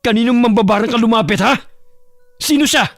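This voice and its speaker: A man's voice: very high voice, brisk, a bit bright, dry recording, studio quality. An actor playing an angry young husband who accuses his sister of cursing his wife, in a horror radio drama. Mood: furious. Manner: furious and accusing.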